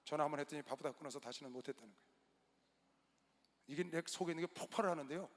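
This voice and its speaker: A male pastor preaching a sermon in a large gymnasium, telling a story with sudden loud outbursts and quiet asides. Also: on the high side, rapid-fire. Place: large indoor gymnasium used as a church hall. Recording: long reverb of a large hall.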